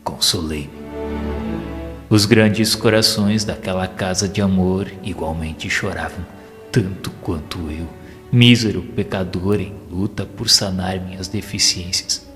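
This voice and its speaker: The narrator is a solemn spirit, played by a man whose voice is lowish and whose accent is Brazilian. He tells the tale as a measured, literary audio drama, compassionate and grave, sounding solemn and moved as his words ring in a long hall reverb over clear music.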